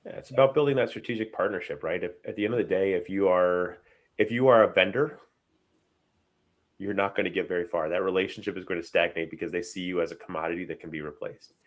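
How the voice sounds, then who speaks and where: A man's voice: low-pitched, quick pace. A man hosting a casual panel chat over a video call, stressing key words emphatically and laughing lightly. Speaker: host.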